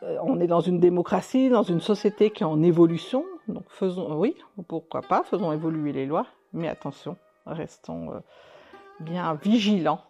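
Gravelly, warm-toned woman explaining calmly. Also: fairly low pitch, moderate pace, faint music behind. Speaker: discussion participant. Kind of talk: casual discussion.

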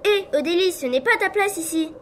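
Cast a woman as a firm, caring mother eagle for a storybook, very high voice, faint noise behind. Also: lively intonation, brisk. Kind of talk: storybook voice acting.

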